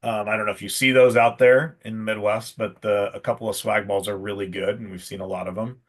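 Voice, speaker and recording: A man's voice: fairly low pitch, fairly even intonation, fast talker. A man hosting a casual live stream for a shop, talking in a chatty, salesy way with lots of fillers. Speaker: pro shop host.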